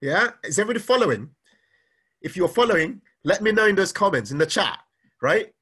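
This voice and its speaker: A high, bright male voice with a husky edge. He speaks with the energy of a live teacher, repeats his questions and reads comments aloud to his viewers. His pitch swings widely as he pushes them to think. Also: big pitch swings, fairly quick. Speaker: finance speaker. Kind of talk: live-streamed teaching talk.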